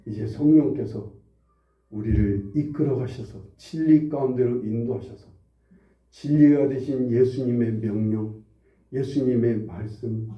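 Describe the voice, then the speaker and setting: A pastor in his forties preaching a conversational sermon in a church, swinging between hushed asides and loud, high outbursts. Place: church sanctuary. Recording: roomy, distant, dull church recording.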